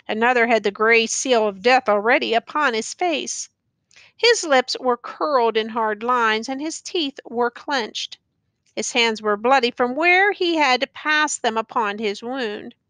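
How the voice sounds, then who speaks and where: Woman narrator, classic novel audiobook, slow deliberate reading, bright voice, dry close sound. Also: on the high side, no room sound.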